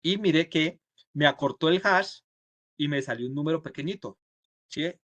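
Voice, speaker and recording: A man's voice: a little high, moderate pace, a bit bright, no echo. Man teaching a live coding class. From Colombia. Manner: explains step by step, asks students ¿sí? and ¿cierto?; acts out the computer's replies in quotes. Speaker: programming instructor.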